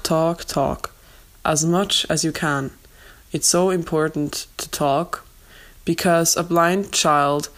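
A young adult woman hosting a podcast, speaking in an earnest, steady and explanatory way, recorded with makeshift low-quality equipment. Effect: low-quality makeshift recording without proper equipment. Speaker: podcast host. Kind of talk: podcast monologue, personal advice.

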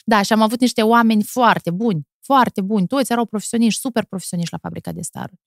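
A woman in her thirties, a TV presenter with a Moldovan Romanian accent, telling stories in a lively way with quick laughs and animated pitch jumps. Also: gravelly, no room sound, clean studio sound. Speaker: TV presenter, podcast guest. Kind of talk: casual chat.

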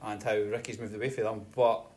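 A man's voice: on the low side, little pitch movement, brisk, a little mellow. A man with a Dundee Scottish accent hosting a podcast with casual chat and banter. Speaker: podcast host.

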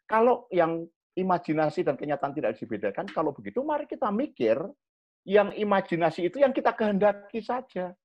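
A man with a Javanese accent talks to young people in a relaxed, lively way. His voice is fairly high and swings widely as he acts out little scenes. The recording sounds dull and lo-fi. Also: brisk. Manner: animated, acts out examples with sharp raised-voice quotes. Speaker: communication coach. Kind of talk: explaining to young people in a chat.

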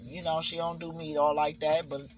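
A middle-aged man hosting a casual podcast chat, animated, who keeps checking that listeners follow him. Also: a little high, normal speed, crowd noise. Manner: animated, keeps asking "you understand?". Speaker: podcast host.

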